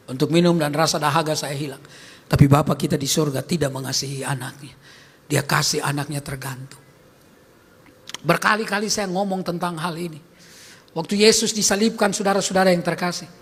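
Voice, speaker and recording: Bright-voiced man preaching, big hall echo. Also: on the high side. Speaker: pastor. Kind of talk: sermon. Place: church service hall. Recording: long church-hall reverb.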